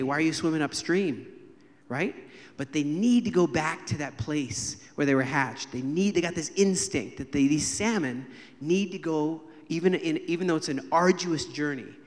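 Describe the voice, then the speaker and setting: A man's voice: fairly high pitch, normal speed. A man from the United States preaching a sermon at a live church service, telling stories and acting out the people he quotes. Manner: animated, acts out quoted voices and jokes with the congregation. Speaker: guest preacher. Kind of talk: sermon with storytelling. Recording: long hall reverb in church.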